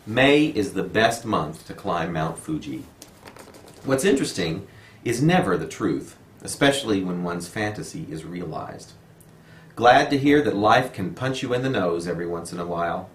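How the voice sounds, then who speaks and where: A poet with a lowish, sing-song voice reads poetry aloud at normal speed during a live reading in a room of a home. Captured as amateur video on a camera microphone with no dedicated mic, the audio has roomy echo and faint noise.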